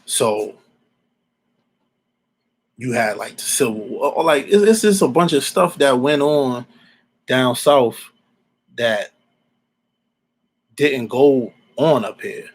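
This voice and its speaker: A man's voice: medium pitch, animated, slow, pauses often, slightly rough, poor audio. A man in his forties from Alabama giving casual, rambling opinions as a podcast host, repeating himself and using informal slang. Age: 40s.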